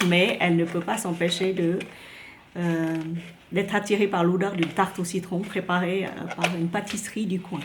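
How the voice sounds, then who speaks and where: A woman's voice: on the low side, slight background noise. A woman chatting casually to camera about perfumes, talking with many fillers and restarts. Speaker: vlogger reviewing perfumes.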